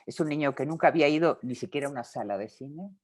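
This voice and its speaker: A Uruguayan film director with a Rioplatense Spanish accent answers interview questions thoughtfully, using lots of fillers and restarts. Her voice is low and her pace quick.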